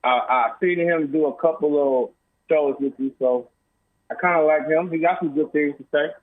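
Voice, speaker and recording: A man's voice: fairly high pitch, moderate pace. Guy calling in, plain-spoken, big canyon echo off empty walls, phone-line sound. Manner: plain-spoken, casual slang. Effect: canyon-like echo of an empty room. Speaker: caller. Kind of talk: call-in talk. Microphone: phone on speakerphone. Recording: tinny speakerphone in an empty echoing room.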